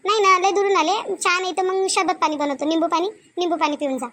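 A woman voicing a calm village women's group leader who keeps soothing the others, with a Varhadi Marathi accent and a pleading, repetitive manner. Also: very high-pitched, fast. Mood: polite.

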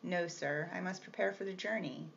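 Polite but firm young governess, read by a lady, low gravelly voice, bit muffled. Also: normal speed. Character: young governess, plain-spoken and composed. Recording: slightly muffled with faint hiss.

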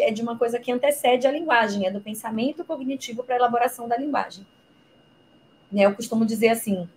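A woman speaks as a guest in a live interview, her voice sitting a little high. She teaches in a didactic way, asking herself questions and answering them. Faint noise sits under her voice. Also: rough recording. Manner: didactic, explains with examples and rhetorical questions. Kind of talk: explanatory talk in a live interview.

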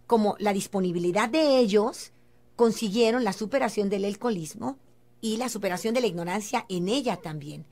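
A woman hosting a radio talk show, with a fairly high voice. She tells her story in an earnest, gentle, preachy way, speaking from a studio. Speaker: radio host.

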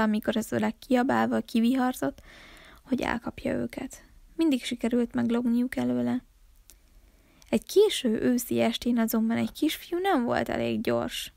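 A woman reading a children's story aloud, calm and expressive, her fairly high voice carrying a gravelly grain. The sound is close and dry, with no room echo. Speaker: library storyteller.

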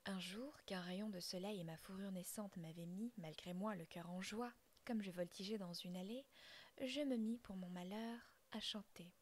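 A woman reading a classic tale aloud in a soft, unvoiced ASMR whisper. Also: medium pitch, moderate pace. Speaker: audiobook reader.

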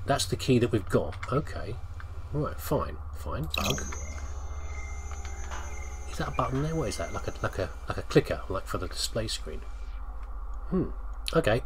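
A British let's play host with a mid-range, very animated voice gives casual, playful game commentary at an unhurried pace, pausing often. He chats to the character, asks himself questions, and reads on-screen text aloud over some background noise.

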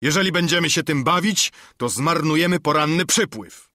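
A man's voice: fairly high pitch, expressive, moderate pace, sharp tone, no room sound, studio quality, voice pushed up. Long John Silver, a man doing a brash ship's cook. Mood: boisterous. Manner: boisterous, bellowing. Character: loud, brash one-legged male ship's cook.

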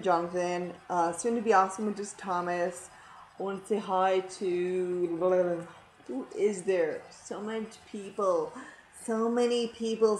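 Giggly hyper thirtysomething woman doing youtube shoutouts, slow-ish talk, echoey room with a bit of hiss. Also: medium pitch. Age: 30s. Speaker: YouTube vlogger. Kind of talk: casual shoutout vlog. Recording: roomy echo with faint noise.

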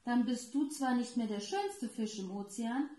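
A woman voicing a wise old male octopus in a children's storybook reading, speaking deep, slow and solemn. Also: sing-song, dark tone. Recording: roomy echo.

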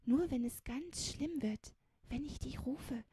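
A woman's voice: high voice, slow pace, mellow, a little hiss or hum, voice pushed up. A woman voicing a small, thin, frightened child in a storybook, whispering anxiously and close to tears.

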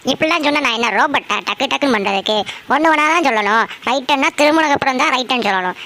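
A cheeky young daughter-in-law, played by a woman in a homemade cartoon, talks back in a high voice and argues at length. She pads everything with whiny excuses and a defiant edge. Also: a bit bright.

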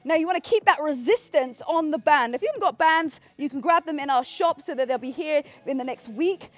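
A woman leading a workout class outdoors like an energetic aerobics instructor, counting down and urging people on. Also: high voice, fairly quick. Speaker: fitness instructor leading a live home workout. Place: outdoors on a backyard pool deck. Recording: music playing behind the voice. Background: workout music.

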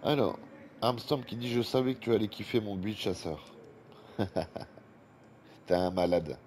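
Talking through a video game and reading viewer comments, a French-accented gaming YouTuber sounds chatty yet congested from a head cold, sometimes breathing heavily. His lowish voice is a little mellow at a measured pace. There is faint noise from a fan near his desk microphone.

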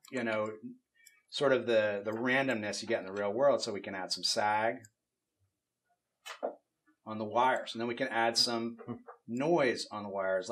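A middle-aged man casually walking through a software tool demo in an office, explaining as he goes with frequent fillers. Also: lowish voice. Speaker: game studio technical artist demonstrating tools. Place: office at a desk with monitors.

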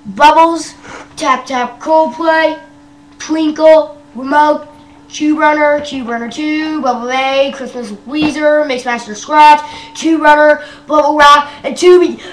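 High-pitched, hesitant young woman from Canada. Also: steady tone, takes it slowly. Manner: hesitant, many ums and wells. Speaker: vlogger. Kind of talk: casual screen-tour vlog. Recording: roomy echo with faint hum.

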